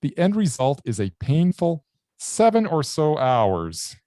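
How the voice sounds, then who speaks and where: A man's voice: fairly high pitch, sing-song, unhurried, warm tone, dry recording, studio quality. A man co-hosting a film podcast, complaining in a dramatic, exaggerated way. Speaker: podcast co-host. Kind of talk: casual film review chat. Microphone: studio mic.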